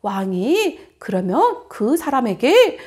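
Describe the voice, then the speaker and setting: A proud, scheming royal official from a children's Bible story, as a woman acts him out. He is theatrical and self-important, and he sulks when his plans turn on him. His voice is high and swoops about dramatically. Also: sing-song, slow pace, darkish tone. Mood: flattering.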